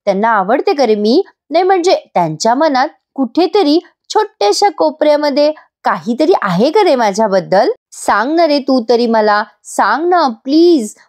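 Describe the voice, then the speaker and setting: A woman voicing a gentle, loving young bride in a voice-over episode recap, speaking softly and affectionately. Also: sits high, very animated, moderate pace, few pauses. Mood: tender. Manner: soft, affectionate, pleading. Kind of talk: voice-over recap reading a character's lines.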